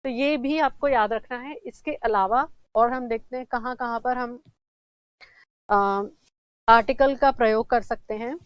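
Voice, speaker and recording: A woman teaching English grammar in a classroom-style lesson, asking questions and answering them herself, repeating examples slowly. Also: on the high side, steady tone, clear, resonant tone, dry recording, rough recording.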